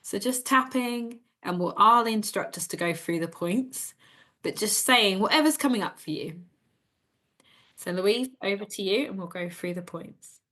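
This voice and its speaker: A woman practitioner leading a guided tapping session, giving calm, gentle instructions and phrases to repeat. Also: medium pitch, unhurried.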